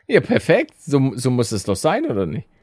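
Podcast co-host, male, from the Rhineland; teasing, joking, animated voice, dry close mic. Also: medium pitch, slightly rough, dry recording. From Rhineland, Germany. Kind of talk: casual podcast banter.

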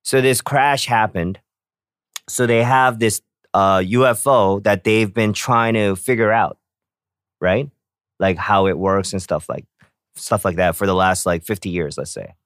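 Animated storytelling man, low voice. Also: measured pace, no echo, studio quality. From South Korea. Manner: animated storyteller, acts out reactions. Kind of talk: casual chat.

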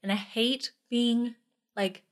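A woman's voice: on the high side, fairly even intonation, slow. A Southern woman co-hosting a casual chat, rambling and laughing often as she talks. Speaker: podcast co-host.

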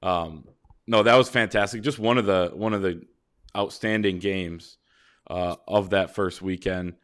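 A man with a fairly low voice hosts a casual sports podcast. He lays out his points in long, measured runs, stacking clauses and fillers as he breaks down the games. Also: steady tone, a bit bright. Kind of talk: casual sports analysis chat.

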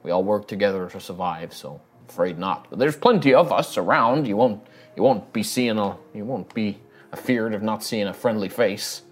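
A man's voice: on the low side, expressive, normal speed. A man voicing a weathered, wary local elf in a tabletop game, with plain-spoken, folksy rustic talk. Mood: plain, friendly. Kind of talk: in-character tabletop role-play.

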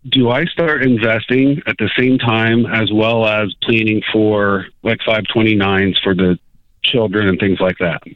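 A man's voice: lowish voice, fairly even intonation, a little slow, dry recording. A male caller from Ohio, talking over the phone in an upbeat, eager way. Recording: tinny phone line.

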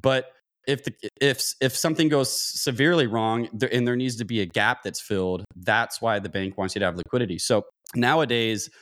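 A man in his thirties, a real estate investor guesting on a podcast, explains things conversationally while thinking aloud and often restarting sentences. His mid-range voice is a bit bright and a little fast.

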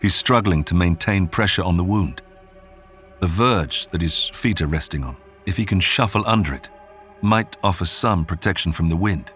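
A man narrates in a steady, scripted documentary style. His voice sits very low and deep. Soft music plays quietly beneath him. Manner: measured, even storytelling delivery. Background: faint music.

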